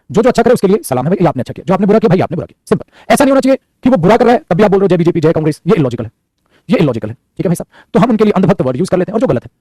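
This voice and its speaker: A male teacher, giving an online English vocabulary class; he talks rapidly, repeats phrases and keeps calling his students "beta". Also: sits high, warm tone, no echo.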